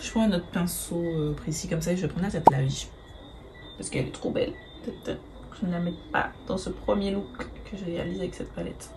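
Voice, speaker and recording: A woman's voice: lowish voice, a little fast, heavy background noise. A woman, chatting casually through a makeup tutorial, hesitant with many fillers and the odd swear word. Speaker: beauty vlogger.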